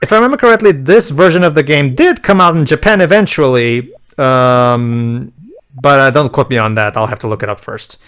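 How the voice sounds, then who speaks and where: A man with a mid-pitched voice hosts a casual game commentary. He explains in a halting way, often doubling back on his words. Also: fairly bright tone, smooth. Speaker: host of a video game commentary.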